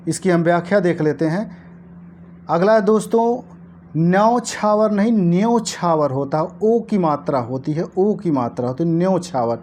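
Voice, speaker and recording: Mellow-voiced woman teaching a language lesson. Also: on the low side, slight background noise. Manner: explanatory, repeats key words slowly and addresses viewers as friends. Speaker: exam coaching teacher. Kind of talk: Hindi exam lesson, going through a past paper.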